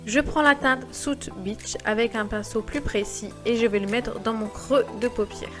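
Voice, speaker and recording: A young woman narrating her makeup tutorial step by step, calm and explanatory. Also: fairly high pitch, moderate pace, faint music behind. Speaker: beauty vlogger.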